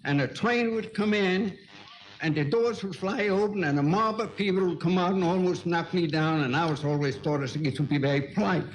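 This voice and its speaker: An older man from Denmark with a Danish accent, a guest painter telling unhurried, chuckling anecdotes in a casual talk-show chat. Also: high-pitched, poor audio.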